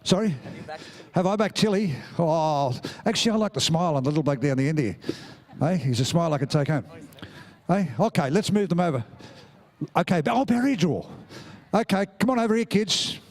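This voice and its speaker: Jovial high-voiced Australian announcer man. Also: expressive, fairly quick. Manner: jovial, teasing, crowd-rousing. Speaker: ringside announcer. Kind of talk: live event commentary. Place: outdoor showground arena.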